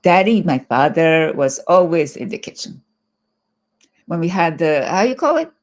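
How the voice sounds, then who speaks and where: An elderly mother with a thick foreign accent tells of old family life, lively and searching for words, her voice low and gravelly, as a woman puts her on. She pitches up high and talks brightly to recall home. The telling is like quoted memories. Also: moderate pace. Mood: reminiscing. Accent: foreign-accented English. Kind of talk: reading quoted interview excerpts.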